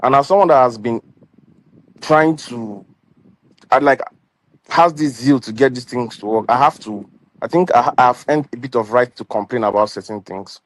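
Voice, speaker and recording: A man's voice: mid-range voice, normal speed. Rambling man with a retainer. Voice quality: slightly muffled speech from a dental retainer. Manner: rambling, repeats words and restarts. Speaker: caller. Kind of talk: casual online meeting talk.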